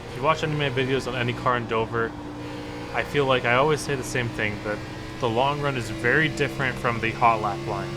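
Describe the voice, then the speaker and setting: A man giving calm, methodical driving instruction while playing a racing game, often repeating key words. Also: mid-range voice, background noise. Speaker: sim racing coach. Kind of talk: instructional commentary over gameplay.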